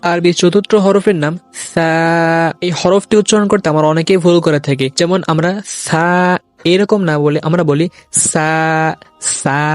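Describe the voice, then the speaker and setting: A man teaching Arabic letter sounds in a video lesson, saying each letter slowly and then repeating it for learners to copy. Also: fairly high pitch, a little mellow, dry recording.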